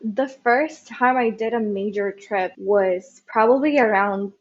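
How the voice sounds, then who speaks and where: Young woman from Venezuela, podcast guest, relaxed and chatty, slightly dull lo-fi recording. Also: mid-range voice, measured pace. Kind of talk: casual interview chat.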